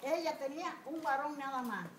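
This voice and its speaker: A woman in her eighties, a local resident, reminiscing in lively casual chat on a porch outdoors, repeating names as she recalls them. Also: high voice, a little fast, echoey room, a little hiss or hum. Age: 80s. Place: outdoors on a town house porch.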